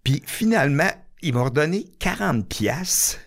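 A man with a Québécois accent, telling a story in casual chat, animated and swearing often as he acts it out. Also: on the high side, measured pace.

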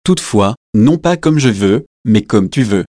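A man's voice: fairly low pitch, animated, unhurried, dark tone, no echo, clean studio sound. A man reading as solemn Jesus. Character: Jesus, calm grown man facing death.

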